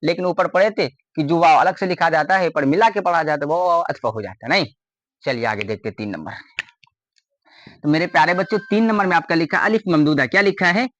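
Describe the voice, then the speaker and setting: A man's voice: on the high side, brisk, fairly bright tone, no echo. A man teaching a grammar lesson, often repeating a question to his students and then answering it.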